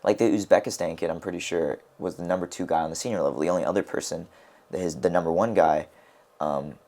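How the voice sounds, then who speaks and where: Low, steady and dark in tone, a young man from the United States speaks quickly as a podcast co-host. A wrestler by trade, he tells wandering stories, restarting often and saying "like" constantly.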